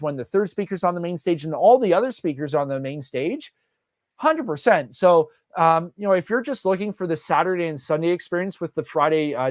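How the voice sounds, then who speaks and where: A man's voice: on the high side, no echo, clean studio sound. A man hosting a casual live question-and-answer session as a conference organizer, talking loosely with many fillers and restarts.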